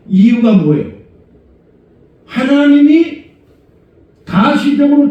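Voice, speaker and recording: A middle-aged man preaching a conversational sermon as senior pastor, asking rhetorical questions and moving between low murmurs and raised exhortation. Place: church sanctuary. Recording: echoey church hall, far from mic, dull sound.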